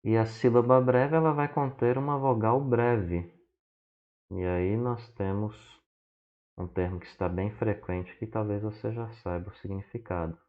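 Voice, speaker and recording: Low-voiced man teaching syllable by syllable. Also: steady tone. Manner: explains slowly and often adds "né?"; spells syllables out one by one. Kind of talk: slide lesson. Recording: dull lo-fi recording.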